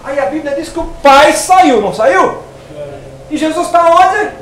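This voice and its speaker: A man teaching a hermeneutics class, retelling a parable in an animated way and acting out the characters' lines. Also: very high-pitched, unhurried. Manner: animated storytelling, acts out dialogue with shifting voice. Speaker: Bible teacher. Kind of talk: informal theology class lecture. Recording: echoey room, voice from a distance, faint noise.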